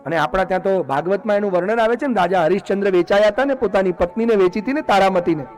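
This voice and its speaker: Animated high-voiced preacher. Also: male voice, rapid-fire. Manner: animated, asks the audience questions and answers them himself. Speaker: religious discourse speaker. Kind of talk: devotional sermon.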